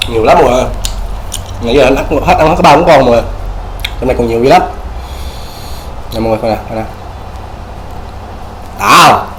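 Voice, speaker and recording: A man's voice: mid-range voice, fast talker, pauses often, a bit bright, a little hiss or hum, rough recording. A man with a southern Vietnamese accent chatting casually to viewers on an eating show, chewing as he talks, exclaiming and repeating himself. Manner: chewing and eating while talking. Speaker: mukbang vlogger.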